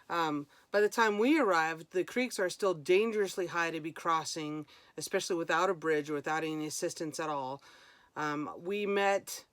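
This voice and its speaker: A woman's voice: on the low side, no room sound. A woman talking casually for a vlog as a hiker, chatty and informal, thinking aloud as she goes. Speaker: vlogger, hiker.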